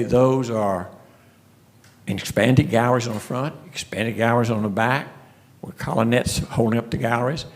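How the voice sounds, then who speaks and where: A man giving a folksy, storytelling presentation at a city commission meeting. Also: mid-range voice. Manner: folksy storytelling, frequent restarts. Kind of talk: casual presentation.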